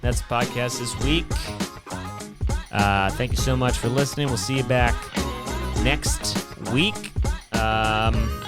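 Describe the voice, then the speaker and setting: A man's voice: mid-range voice, animated, slow, pauses often, loud music behind the voice. A man hosting his own podcast, telling a rambling, wry story with plenty of swearing. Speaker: podcast host. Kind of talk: casual solo storytelling.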